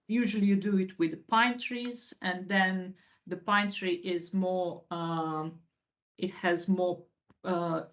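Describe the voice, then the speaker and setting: A woman from Croatia with a Croatian accent and an average-pitched voice. She speaks spontaneously as an audience member at a webinar, pausing and restarting as she builds her comment. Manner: hesitant, halting phrasing with repeated words. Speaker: webinar participant asking a question.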